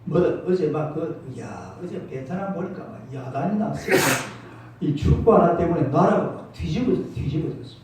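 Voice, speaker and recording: A man's voice: fairly high pitch, expressive, normal speed, darkish tone, slight background noise. Emphatic preacher man in an echoey sanctuary. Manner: emphatic, prompting congregation responses. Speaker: pastor. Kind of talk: sermon. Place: church sanctuary. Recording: echoey church hall from far off.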